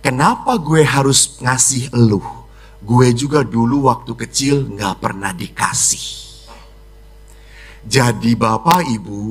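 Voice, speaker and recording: Animated, bright-voiced priest preaching a homily. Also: male voice, mid-range voice. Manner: lively preaching, acts out children and wives in quick voices.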